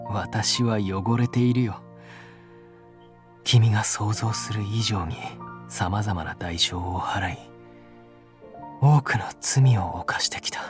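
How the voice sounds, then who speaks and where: A man voicing a melancholy, self-loathing gentleman in a story game, speaking sorrowfully and at times dropping to a soft whisper. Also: lowish voice, unhurried, pauses often, lightly acted. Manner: sorrowful, pained, drops to whispers. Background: game background music.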